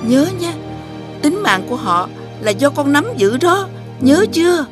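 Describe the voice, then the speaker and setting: A woman's voice: mid-range voice, animated, normal speed, close to an everyday voice. An actress voicing a wise, stern old fairy woman in a cartoon, who gives solemn, earnest warnings. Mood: urgent. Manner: solemn, earnest warnings, rising urgency on key orders. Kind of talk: dubbed cartoon acting. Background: background music.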